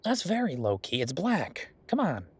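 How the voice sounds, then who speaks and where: Heavily acted, a man's fairly high, husky voice swings hugely in pitch at a normal speed. He portrays a friendly, self-deprecating young billionaire in a casual, intimate audio roleplay, rambling informally and playfully defensive with the listener.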